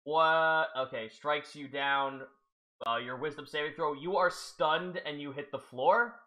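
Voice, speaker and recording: A man narrating a tabletop role-playing game as game master, halting and restarting as he explains the rules. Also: fairly high pitch, pushed and bright.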